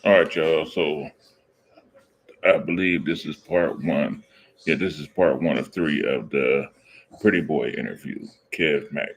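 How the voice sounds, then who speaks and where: Very deep-voiced man hosting a reaction stream. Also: unhurried, slight background noise. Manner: casual, rambling, with fillers and self-corrections. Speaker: reaction channel host. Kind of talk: live reaction commentary.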